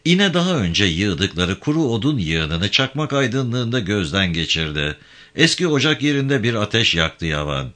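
A man reading a literary story aloud in an expressive, lyrical way. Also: lowish voice, moderate pace. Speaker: narrator.

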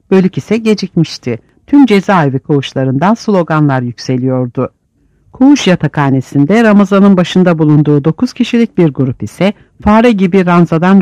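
A man narrating an audiobook with vivid, expressive reading. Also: a little high, no echo. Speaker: audiobook reader.

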